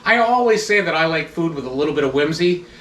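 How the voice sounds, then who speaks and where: A man chef giving a step-by-step cooking demonstration in a relaxed, instructive way, stopping now and then to restart a phrase. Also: on the high side, fast talker. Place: kitchen. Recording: echoey kitchen, mic at a distance. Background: sizzling pan sounds.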